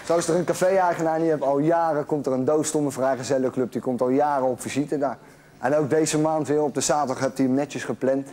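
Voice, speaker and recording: A man's voice: a little high, steady tone, over music. A man telling a long joke about a café owner, laughing as he goes. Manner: rapid, laughing while telling. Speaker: joke teller.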